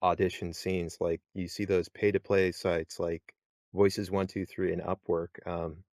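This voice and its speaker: A man's voice: deep voice, little pitch movement, measured pace, darkish tone, no echo, clean studio sound. A man moderating a casual podcast chat, rambling with many fillers and restarts.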